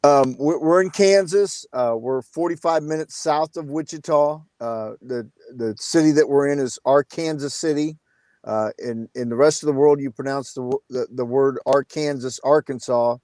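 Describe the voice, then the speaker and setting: Man, 50s, basketball coach, casual interview, filler-heavy, mid pitch, dry. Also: moderate pace, darkish tone, dry recording. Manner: many uh fillers, plain-spoken.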